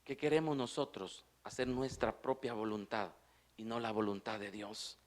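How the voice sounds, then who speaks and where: A man pastor preaching a sermon, asking the congregation questions and reading scripture slowly and with emphasis. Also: fairly low pitch, steady tone. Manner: drops to a hushed voice for quiet passages.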